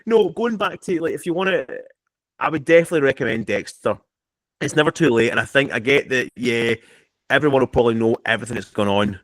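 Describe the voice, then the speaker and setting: A man's voice: mid-range voice, animated, fast talker, dry recording. A man chatting casually about TV shows on a podcast, rambling and restarting his sentences, laughing as he talks. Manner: rambling, lots of restarts, laughs while talking. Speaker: podcast guest or co-host. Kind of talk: casual chat about TV and film.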